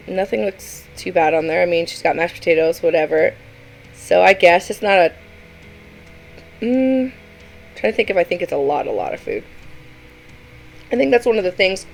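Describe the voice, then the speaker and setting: A woman's voice: mid-range voice, a little hiss or hum, poor audio. A woman hosting a reaction video, chatting casually and giving her opinions with many fillers.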